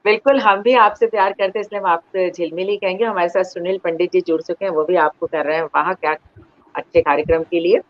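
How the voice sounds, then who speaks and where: A woman's voice: on the low side, steady tone, fast, lo-fi sound. A woman hosting an online interview, formal and encouraging, often stopping to praise her guest. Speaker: interview host.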